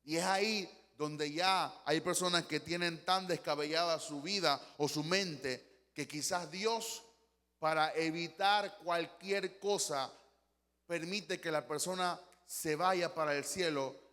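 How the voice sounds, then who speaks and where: A man's voice: on the high side, steady tone, slow pace, pushed and bright, in a large hall. A man with a Panamanian Spanish accent preaching a sermon as pastor, passionate and acting out quotes as he goes. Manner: impassioned preaching with acted-out quotes.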